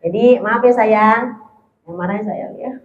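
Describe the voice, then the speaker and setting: A woman's voice: medium pitch, moderate pace. A woman giving an informal religious study talk, chatty and affectionate with her audience. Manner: chatty, affectionate, calls listeners "sayang". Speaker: preacher. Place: mosque hall. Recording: echoey, dull hall recording.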